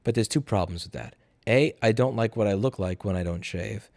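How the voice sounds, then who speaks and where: A man's voice: on the low side, fairly quick, vocal fry, a little mellow, no echo, studio quality. A drunk man hosting a casual livestream Q&A, reading out viewer messages and answering them in a blunt, profane, argumentative way. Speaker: livestream host.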